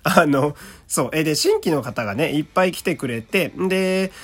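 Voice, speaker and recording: A man's voice: on the high side, lively intonation, moderate pace. A male voice actor hosting his own talk radio show, chatting casually in a put-on Kansai dialect, laughing often and reading listener letters aloud. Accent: put-on Kansai dialect mixed with standard Japanese.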